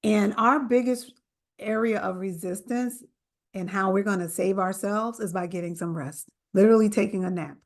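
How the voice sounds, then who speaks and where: A woman's voice: medium pitch, normal speed. A middle-aged woman from New Jersey, an author speaking earnestly and emphatically in an interview. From New Jersey, USA. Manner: earnest, emphatic, quotes others in animated voices. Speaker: author guest. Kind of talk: interview conversation.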